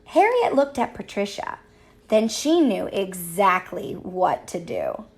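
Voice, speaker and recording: A woman reading a picture book aloud to children, with expressive, sing-song storytelling. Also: medium pitch, slow pace. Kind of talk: read-aloud storybook narration.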